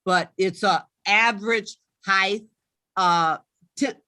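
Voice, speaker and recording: A woman's voice: medium pitch, takes it slowly, bright, forceful tone, no room sound. A woman speaking as a village manager, explaining things informally and emphatically at a public meeting, often repeating herself.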